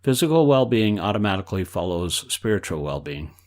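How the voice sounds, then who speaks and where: A man reading the part of an elderly spiritual teacher, patient and instructive. The delivery is measured and read from a book, with quote marks spoken aloud. The voice sits a little low. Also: very animated. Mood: explaining.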